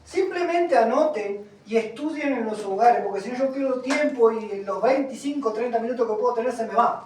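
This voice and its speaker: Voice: mid-range voice, animated, normal speed, a little mellow, slight background noise. Echoey preacher, far from the mic. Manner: emphatic, asks the congregation questions. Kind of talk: sermon with Bible reading. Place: congregation hall, also streamed.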